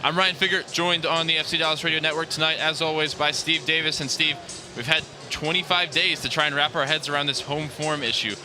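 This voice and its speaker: A man calling a soccer match as the radio play-by-play announcer, delivering lineups and statistics in a brisk, polished way from a stadium booth. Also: fairly high pitch, steady tone, over music. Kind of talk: radio sports broadcast.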